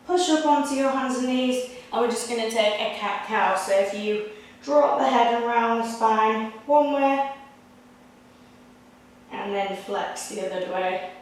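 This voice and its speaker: A young woman leading a Pilates workout, giving steady, encouraging step-by-step cues. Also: fairly high pitch, a little slow, recorded from a distance. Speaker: Pilates instructor. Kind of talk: guided exercise instruction. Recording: echoey room, voice picked up from afar.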